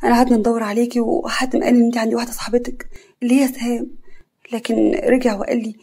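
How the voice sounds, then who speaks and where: A woman storyteller voicing a sharp-tongued but loving older Egyptian mother who talks loudly and scolds. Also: a little high, level tone, very fast, husky. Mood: anxious. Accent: Egyptian Arabic. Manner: loud, scolding, exasperated.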